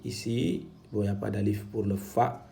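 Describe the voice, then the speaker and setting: A man teaches Quran reading in French, patiently sounding out and stressing each syllable slowly, one at a time. His voice is on the low side, creaky and warm, with slight background noise.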